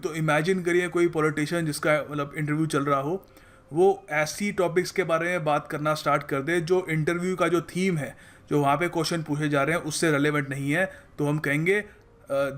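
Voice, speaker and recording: A man with an Indian accent teaching English vocabulary, switching between Hindi and English and reading example sentences slowly. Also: fairly high pitch, fairly bright tone.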